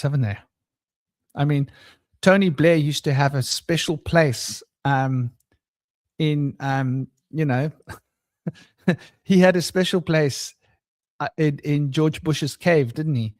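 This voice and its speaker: Male podcast co-host, a touch high, dry close sound, rambling and jokey. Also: a little mellow, no room sound. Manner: rambling, jokey, laughs often, many restarts. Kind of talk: casual conversational podcast chat.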